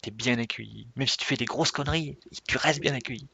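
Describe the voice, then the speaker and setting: A man's voice: medium pitch, fairly quick, gravelly, bright, forceful tone, husky, no room sound. A man giving an unscripted, rambling introduction to himself and his gaming server, often correcting himself and laughing at himself. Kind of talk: unscripted casual vlog talk.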